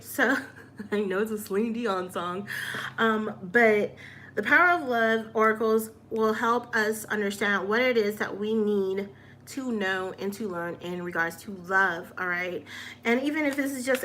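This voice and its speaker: A woman's voice: fairly high pitch, pushed and bright, a little hiss or hum. A woman doing a casual tarot reading in an upbeat, encouraging way, often checking in with "all right?". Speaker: tarot reader.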